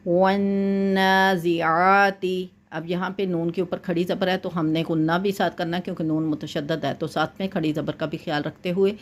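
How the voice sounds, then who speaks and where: A woman teaching Quran recitation rules, explaining each point patiently and chanting verses slowly to demonstrate. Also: on the low side, fairly even intonation, darkish tone. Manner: often checks in with "thik hai". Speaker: tajweed teacher. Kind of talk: Quran recitation lesson with corrections.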